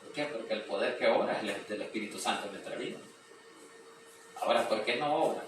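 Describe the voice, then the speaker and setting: A man preaching at a Bible study, reading scripture slowly and loudly, then explaining it with questions to the group. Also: on the low side. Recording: echoey room, mic far off, noisy.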